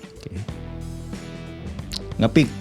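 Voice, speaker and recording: A man's voice: extremely slow, mellow, soft background music. A man chatting in a casual tutorial style, joking and laughing often while testing his microphone in a small home studio. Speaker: home recording vlogger. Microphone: condenser mic with plugins.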